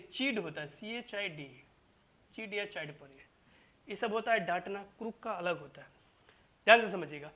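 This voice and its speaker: A teacher runs a classroom grammar lesson, and the voice has a bright, sharp edge. The teacher goes over each example more than once and keeps checking that the students are following, calling them "babu" and "bhai". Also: mid-range voice. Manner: repetitive, keeps asking "clear?" and calls students "babu" and "bhai". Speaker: English teacher.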